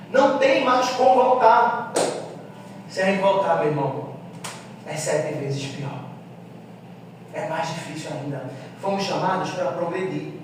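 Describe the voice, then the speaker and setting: A man preaching a sermon, impassioned, swinging between hushed and loud. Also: fairly high pitch, background noise. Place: church hall. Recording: echoey church hall, mic far off.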